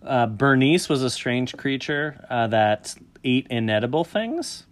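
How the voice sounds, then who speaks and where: A man hosting a loose podcast conversation reads down a list one entry at a time. He breaks it up with quick jokes and offhand comments. His voice sits in an ordinary middle pitch. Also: lively intonation. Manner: reads entries aloud with quick joking asides. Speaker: podcast host. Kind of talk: casual podcast chat.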